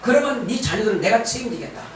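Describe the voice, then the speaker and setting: A man preaching who voices God as a gentle, loving father speaking soft reassurance. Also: high voice, sing-song, quick pace, a little hiss or hum. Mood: tender. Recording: very echoey church hall, distant mic.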